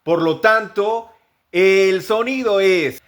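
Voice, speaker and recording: A man teaching English pronunciation, repeating each example word slowly several times. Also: sits high. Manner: upbeat, animated sign-off. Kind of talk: pronunciation lesson.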